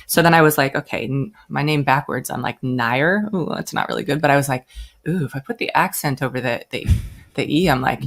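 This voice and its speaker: A woman's voice: very deep voice, fast. An American woman, a brand founder, telling her story in a casual interview and acting out the voices of the people she quotes. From United States. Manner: chatty, acts out quoted voices.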